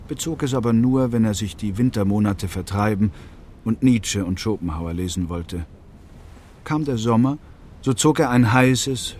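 A man reading a literary novel aloud as a narrator, in a measured, earnest storytelling manner with a husky voice. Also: lowish voice, a little mellow, slight background noise. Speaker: audiobook narrator.

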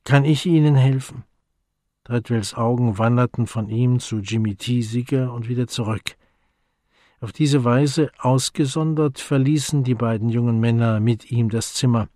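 A man reading a story aloud in a measured, even storytelling voice. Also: medium pitch, no room sound, studio quality. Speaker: audiobook narrator. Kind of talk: scripted narration.

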